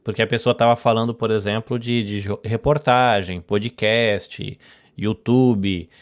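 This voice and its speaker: A man's voice: on the low side, steady tone, measured pace. Rambling Brazilian podcast host man. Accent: Brazilian Portuguese. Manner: rambling, self-correcting storyteller. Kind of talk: casual interview chat.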